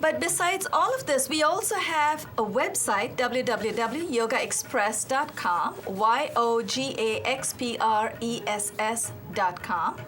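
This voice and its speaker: A chatty woman hosts a yoga program from a TV studio. Her voice sits high, and she keeps the talk effusive and upbeat throughout. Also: animated, measured pace, few pauses, a bit bright, faint music behind. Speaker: yoga show host.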